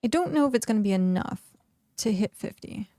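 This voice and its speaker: A woman's voice: mid-range voice, lively intonation, fairly quick, warm tone, no echo, clean studio sound. A young woman game streamer chatting casually and rambling, with lots of "like", while she plays. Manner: rambling, chatty, heavy use of "like". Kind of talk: casual live-stream chat while gaming.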